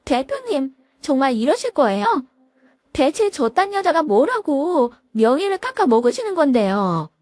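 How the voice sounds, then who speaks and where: A woman voicing a spiteful young female lawyer who talks down to her sister-in-law with shrill scorn. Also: sing-song, normal speed, darkish tone, no room sound. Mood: sneering.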